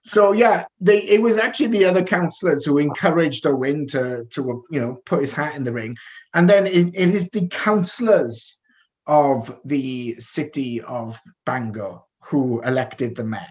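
A man's voice: fairly high pitch, unhurried, a little mellow. A man with a South Wales Valleys accent co-hosting a casual news discussion, chatty and often hesitating and rephrasing as he goes. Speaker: co-host.

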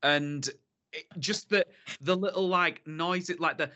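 Gushing, camp man with a bright voice. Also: fairly high pitch, unhurried. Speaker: film podcast co-host. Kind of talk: casual film discussion.

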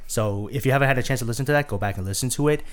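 A man's voice: mid-range voice, very fast. A man co-hosting a podcast, chatting casually with many fillers and restarts. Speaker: podcast co-host. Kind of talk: casual chat.

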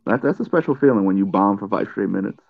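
A man's voice: fairly low pitch, lively intonation, fast talker, vocal fry, no room sound. Laid-back male guest, slightly dull sound. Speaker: podcast guest, comedian. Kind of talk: casual podcast chat.

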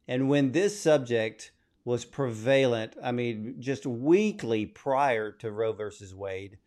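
A man interviewing a filmmaker, framing his questions at length and with clear admiration before he asks them. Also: medium pitch, a little mellow.

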